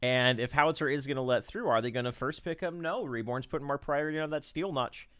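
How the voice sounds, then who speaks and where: A male esports caster calling a tournament draft live. He rambles through picks with many "uh"s and bursts of excitement, in an everyday mid-pitched voice. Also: fast talker, clean tone. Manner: rambling, excitable play-by-play with fillers.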